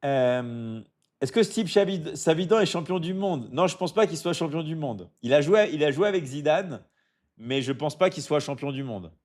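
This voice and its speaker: Male live-stream host, slightly high-pitched, motivational coach tone, repetitive and halting. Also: animated, a little mellow. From Michigan. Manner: repeats "d'accord?" often, stumbles and restarts, coaching tone; reads out viewer comments and answers them. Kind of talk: casual live stream chat.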